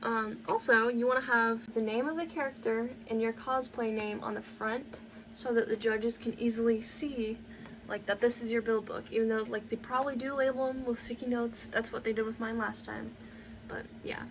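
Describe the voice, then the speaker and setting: A woman walks through a cosplay how-to in a casual, rambling vlog voice, sprinkling in likes and ums. Her voice sits slightly high. She sounds a bit distant from the mic, with a faint hiss of background noise. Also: fairly even intonation, moderate pace. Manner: chatty, rambling, fills with "like" and "um". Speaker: cosplayer showing a build book.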